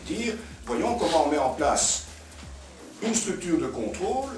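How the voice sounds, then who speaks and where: Speaking at a measured pace in a slightly high, sing-song voice, a man serves as the invited expert in a round-table political debate. His spontaneous argument is didactic, with words repeated for emphasis. The sound is echoey and distant-miked, recorded indoors in a large cafeteria with music behind him.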